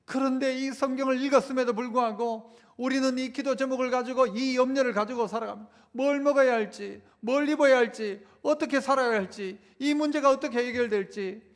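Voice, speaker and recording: A male pastor preaching a sermon. He leads his congregation in repeating phrases, slows down to stress key words, and briefly acts out quoted voices. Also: very high-pitched. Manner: leads congregation in call-and-response repetition. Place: large church sanctuary. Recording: long church hall reverb.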